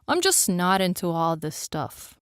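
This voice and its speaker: A woman's voice: lowish voice, big pitch swings, unhurried, clear, resonant tone, no room sound, studio quality, pitched below the performer's own voice. Woman putting on a stammering, awkward young male suitor. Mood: sheepish. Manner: nervous stammer, mumbling, hesitant.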